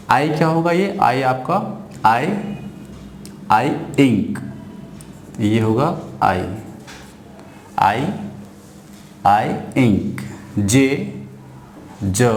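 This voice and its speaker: A man teaching children the phonic sounds of letters, repeating each sound and asking questions as he corrects mispronunciations. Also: mid-range voice. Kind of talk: slow phonics lesson for children. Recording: echoey room with faint noise.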